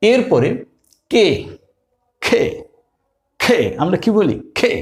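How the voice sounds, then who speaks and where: In a phonics lesson, a Bengali-accented man teaches English letter sounds slowly, repeating each one and quizzing his learners. His voice sits high and swings widely in pitch.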